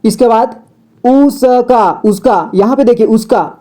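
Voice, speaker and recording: A man's voice: very high voice, slow, warm tone. A man teaching a step-by-step reading lesson, patient, repeating words and asking the viewer questions.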